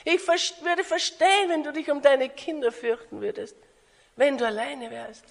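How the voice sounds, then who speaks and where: A woman voicing a gentle, reassuring male savior, speaking softly and slowly. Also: high-pitched, vocal fry. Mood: tender. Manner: soft, slow and hushed. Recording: echoey hall.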